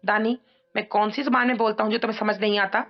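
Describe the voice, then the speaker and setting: A woman voicing a stern young man who cuts others off with short, cold replies, in a gravelly tone. The recording is dull and lo-fi, with faint music in the back. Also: mid-range voice, fairly quick, close to an everyday voice. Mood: curt. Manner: clipped and dismissive. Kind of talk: dramatic audiobook reading.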